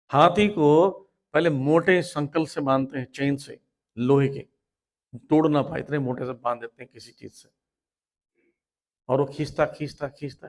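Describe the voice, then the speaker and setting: A man teaching a Hindi spiritual lecture, telling stories, acting out voices and chanting Sanskrit verses. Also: on the high side. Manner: acts out quoted voices, animated storytelling.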